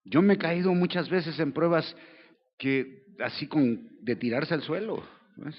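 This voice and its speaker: A man's voice: on the high side, measured pace, lo-fi sound. A man with a Mexican accent preaching a sermon at a church service. He talks to the congregation in a conversational way, often checking in with them.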